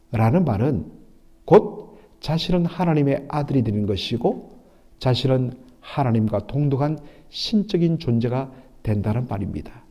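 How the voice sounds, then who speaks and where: Male pastor, dawn sermon, warm low-toned voice, earnest and measured delivery. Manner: earnest preaching, pausing often, quotes lines with feeling. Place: church.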